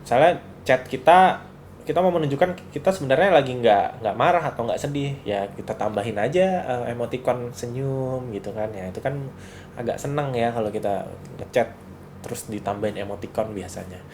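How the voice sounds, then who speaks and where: Male lecturer, relaxed chatty delivery, acts out examples, faint room noise. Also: mid-range voice, brisk. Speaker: university lecturer. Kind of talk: casual lecture to students.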